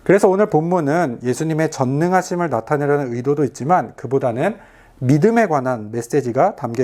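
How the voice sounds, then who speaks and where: A youth pastor delivers a video sermon in an earnest, gentle way. He is a man with a voice slightly higher than most men's. He speaks straight to his listeners, calm and sincere.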